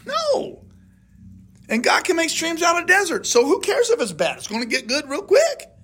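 A man's voice: very high-pitched, wildly swooping pitch, fairly quick, pushed and bright. A man, a pastor, leading a casual Bible study and firing questions at his group in a conversational way. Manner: conversational, asks and answers his own questions. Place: church classroom.

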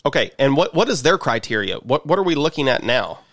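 A man talks casually and unscripted as a podcast co-host. His pitch is average for a man and the sound is dry, without room echo. He comes across as wry and self-deprecating, in natural conversation. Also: sing-song, fast talker, fairly bright tone.

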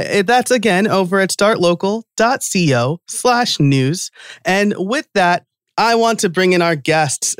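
A man's voice: sits high, clear, resonant tone, no echo, clean studio sound. A man with a New York accent hosting a podcast, upbeat and enthusiastic, laughing easily. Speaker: podcast host. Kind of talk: casual podcast chat.

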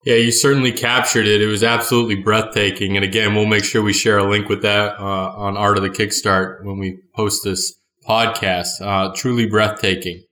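A man's voice: fairly low pitch, level tone, normal speed, few pauses, pushed and bright. A man hosting an interview podcast, asking questions and offering affirming compliments to his guest. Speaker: podcast host. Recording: roomy echo.

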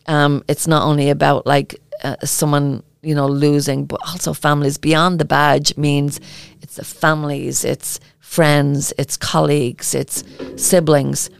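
A woman with an Irish accent co-hosting a podcast, talking earnestly and haltingly with many filler ums. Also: low voice, little pitch movement, vocal fry, smooth, no echo. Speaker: podcast co-host. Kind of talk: casual podcast chat.

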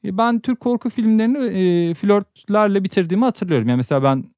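A young man co-hosting a podcast, telling stories in an animated, teasing way. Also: high-pitched, quick pace, dry recording, clean studio sound. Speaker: podcast co-host. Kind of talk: casual podcast chat.

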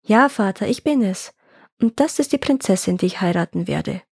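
A woman voicing a gentle, kind-hearted young peasant man in a storybook fairy tale, pleading and emotional. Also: medium pitch, expressive, normal speed, gravelly, husky, dry recording, studio quality. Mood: eager.

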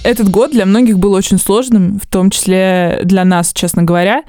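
A woman's voice: medium pitch, steady tone, moderate pace, over loud music. A woman in her twenties co-hosting a podcast, chatting casually with a playful, ironic edge. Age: 20s. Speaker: podcast co-host.

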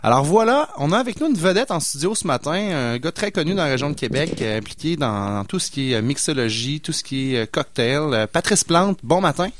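Playful Québécois radio host. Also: male voice, a little high, sing-song, brisk, few pauses, a little hiss or hum. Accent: Québécois French. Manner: jokey, playful, laughs often. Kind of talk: casual radio interview. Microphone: studio microphone.

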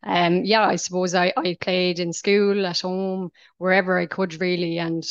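Irish woman from the west, west of ireland accent, podcast guest chat, very flat pitch, dry close sound, bit lo-fi. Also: normal speed, smooth, no echo. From County Mayo, west of Ireland. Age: 30s. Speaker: podcast guest, Gaelic footballer. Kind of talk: conversational interview answers.

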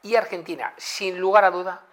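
A man's voice: high voice, fairly even intonation, fairly quick, a bit bright. A man hosting a TV interview, eagerly prompting his guest with questions and remarks. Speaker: TV interview host.

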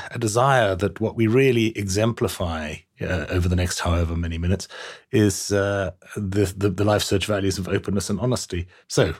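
Hesitant interviewer, man. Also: on the low side. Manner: hesitant, friendly questioner with many fillers. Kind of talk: casual interview.

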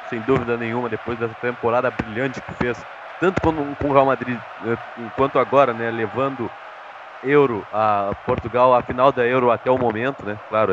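A Brazilian man analyses a football match in a conversational way, adding frequent tag questions. His pitch is average, and the sound is dull and lo-fi with clear noise behind him.

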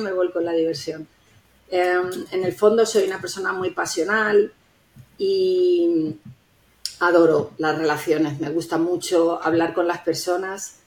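A woman speaks slowly and reflectively as a podcast guest, her voice sitting a little low. She pauses often to think. The room around her has a noticeable echo. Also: darkish tone. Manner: unhurried, thoughtful, with many pauses and fillers. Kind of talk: reflective interview talk.

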